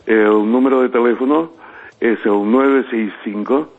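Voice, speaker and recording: A man calling a radio show over the phone, hesitantly listing furniture for sale with many pauses. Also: mid-range voice, vocal fry. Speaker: caller. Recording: tinny phone line on radio.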